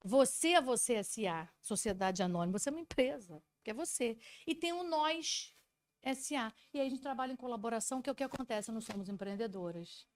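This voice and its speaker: A woman psychologist giving an animated talk, explaining with rhetorical questions. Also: fairly high pitch, fairly quick. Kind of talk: talk to an audience.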